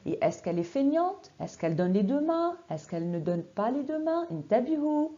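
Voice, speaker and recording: A woman teacher drilling young children through a dictation lesson, sounding out syllables slowly and exaggeratedly and quizzing the class with encouraging questions. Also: sits high, big pitch swings, dark tone, muffled recording.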